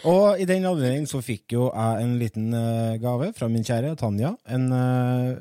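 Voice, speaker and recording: Mellow-voiced man hosting a podcast. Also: mid-range voice, clean tone, dry recording, studio quality. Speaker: podcast host. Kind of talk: casual podcast presenting.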